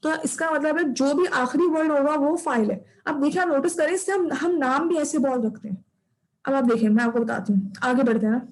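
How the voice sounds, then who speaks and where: A woman's voice: high voice, fairly quick, low-quality recording. A woman teaching Arabic grammar in an online class. She repeats each term patiently and checks that students follow.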